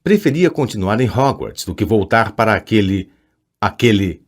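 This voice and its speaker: A man's voice: lowish voice, lively intonation, normal speed. A man voicing a polite, nervous teenage boy student who speaks respectfully in an audiobook. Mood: polite, tense. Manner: respectful, tense.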